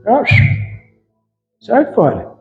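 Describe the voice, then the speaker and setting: A man's voice: high-pitched, wildly swooping pitch, extremely slow, gravelly, phone-quality sound, soft background music. A man preaching a casual, colloquial sermon as a pastor, chatting and acting out everyday speech. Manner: colloquial, chatty, mimics family members' voices. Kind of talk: informal sermon.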